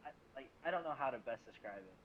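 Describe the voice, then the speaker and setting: A man playing a tabletop game, talking casually and haltingly as he searches for words. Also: medium pitch, expressive, muffled recording, slight background noise.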